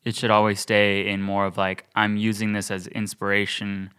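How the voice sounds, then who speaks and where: In a sharp yet smooth lowish voice, a young podcast co-host talks at a moderate pace and in a monotone. The chat is casual, and he comes across as earnest, thinking out loud and restarting his sentences often.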